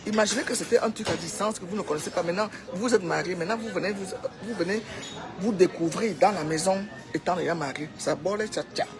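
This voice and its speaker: Over music, a woman with a fairly low voice and a Cameroonian accent talks fast to her followers. The social media commentator's monologue is informal and opinionated, with exhortations and phrases repeated for emphasis.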